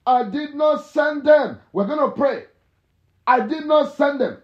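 A male pastor preaching a fervent morning sermon and prayer, repeating phrases and breaking into shouts. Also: extremely high pitch, expressive, unhurried. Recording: echoey, dull lo-fi church recording.

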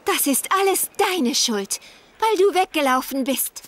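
High-pitched, excitable cartoon mother. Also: unhurried. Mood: concerned, scolding. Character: caring, flustered mother, warm and excitable. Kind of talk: animated children's cartoon dubbing.

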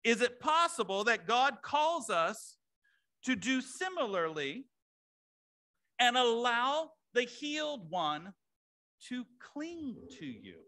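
A man's voice: very high-pitched, sing-song, slow pace, pushed and bright. A male pastor preaching a sermon to his congregation in a conversational way, with asides to the room. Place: church sanctuary.

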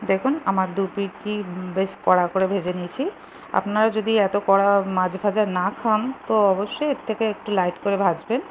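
A brisk, steady-toned woman with a medium-pitched voice hosts a home recipe video. She talks through the cooking casually, one step at a time, using simple words. It's recorded in a home kitchen with clearly noisy audio.

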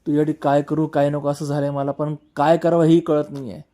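A man's voice: little pitch movement, fast, dark tone, natural voice. A man voicing an anxious worried young woman. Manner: anxious, rising pitch.

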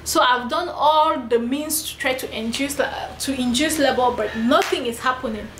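Talking to the camera in a personal vlog, a heavily pregnant young woman vents in a forceful, repetitive manner. She speaks at a normal speed with a high, fairly bright voice, recorded in an echoey room with faint ambience and slight background noise.

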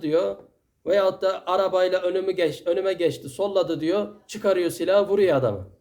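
A man with a Turkish accent delivers a Friday sermon, earnest and admonishing, full of rhetorical questions. His voice is a little high and mellow.

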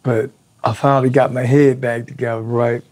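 A man's voice: medium pitch, normal speed. A man in his sixties, seated in an indoor studio, telling stories in a casual, profane way and acting out the voices of the people he quotes. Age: 60s. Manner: animated, profane storyteller who acts out quotes. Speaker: interviewee. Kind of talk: casual storytelling interview. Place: indoor studio in front of a draped backdrop.

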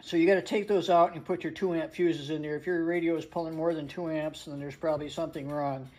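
An older woman, a hobbyist, gives a casual, practical tutorial at a wooden workbench indoors, speaking plainly as she demonstrates. Her voice is low-pitched and darkish, with a steady tone and a fast pace.

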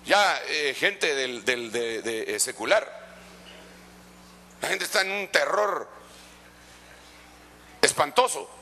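A middle-aged male pastor with a Guatemalan accent, preaching in an impassioned, conversational way that swings from loud exhortation to hushed asides. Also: fairly high pitch, lively intonation, slow, long pauses, a little hiss or hum. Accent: Guatemalan Spanish. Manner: conversational, addressing listeners as brother. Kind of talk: preaching sermon.

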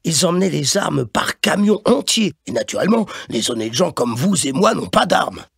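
Guy doing a bossy fussy office chief, gravelly, lots of "hein", up and down voice. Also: a little high, big pitch swings, a bit bright, no room sound, studio quality, pitched above the performer's own voice, heavily acted. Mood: conspiratorial. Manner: chiding, repeats "hein", quick and emphatic. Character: fussy blustering middle-aged male office boss.

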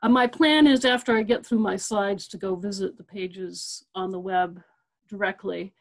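A middle-aged woman, a librarian, gives a webinar over a computer mic in a medium-pitched, steady voice at a moderate pace. Her delivery is loose and conversational, with plenty of fillers and restarts, and she repeats the points that matter most.

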